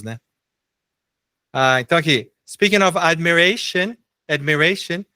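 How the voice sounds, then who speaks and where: A man's voice: fairly high pitch, pushed and bright, clean studio sound. A middle-aged Brazilian man teaching English in a live online class, patiently explaining and repeating words for students to echo.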